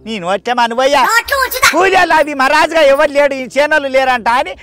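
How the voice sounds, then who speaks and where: A man with a Telangana Telugu accent playing a loud, nagging old village mother-in-law in a comedy sketch. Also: a little fast. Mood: scolding. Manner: shrill nagging scolds, loud outbursts. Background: background music.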